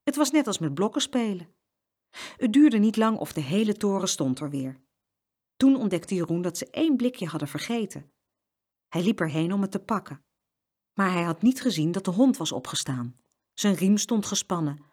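A woman reading a children's story aloud with a very lively, animated melody. She gives the sound effects an expressive, playful reading. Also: mid-range voice, normal speed, breathy edge.

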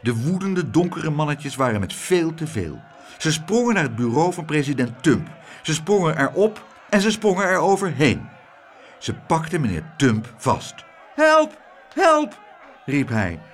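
A man reading a children's storybook aloud in an expressive, animated storytelling way. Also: on the high side, moderate pace. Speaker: narrator.

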